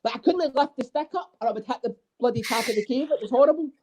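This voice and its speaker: A man, a guest drummer, telling animated, swear-filled stories in a casual interview. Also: very high-pitched, fast, a loud crowd. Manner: animated storyteller, swears freely.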